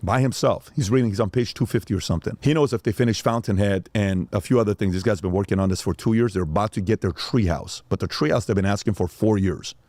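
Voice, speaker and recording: A man's voice: on the low side, fast, hardly any pauses, no room sound, clean studio sound. A middle-aged man hosting a show, telling stories in a casual, emphatic way with lots of repetition. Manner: emphatic, animated retelling with repetition. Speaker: podcast host. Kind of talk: casual storytelling talk.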